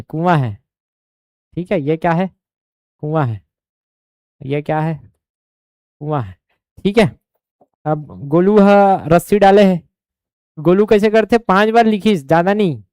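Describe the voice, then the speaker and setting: Male coaching tutor with a Chhattisgarhi accent, drills figures by repetition, clear resonant voice, dry close sound. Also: high-pitched, measured pace, long pauses, darkish tone, dry recording. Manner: drills numbers by repetition, keeps asking if students follow. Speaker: teacher. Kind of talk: exam coaching lesson.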